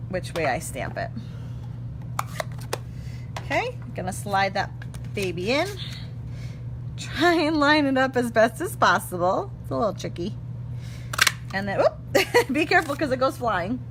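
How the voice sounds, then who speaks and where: A slightly hoarse, medium-pitched woman in her thirties hosts a casual stamping craft demo at a table in her craft room. Chatty and self-correcting, she talks as she works, with a clear background hum in the recording.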